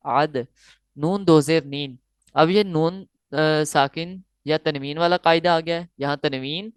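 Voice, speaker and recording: A man's voice: on the high side, clean tone, no echo. A man from Pakistan teaching an online Quran recitation lesson. He is patient, spelling out letters and drawing out the recited words. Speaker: Quran tutor.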